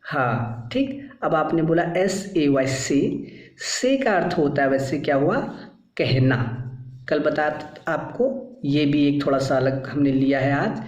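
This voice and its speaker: A man leads a spoken English lesson at a slow, patient pace. He repeats single sounds and short words again and again and keeps checking in with his listeners. His voice rings in an echoey room. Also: a little high, animated, darkish tone, highs cut off. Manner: checks in with frequent "ठीक है". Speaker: English teacher.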